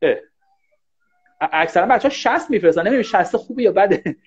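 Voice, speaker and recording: Over dull, lo-fi livestream audio, a high-pitched man runs a casual live online English class. He talks quickly and with animation, frequently thanking those watching.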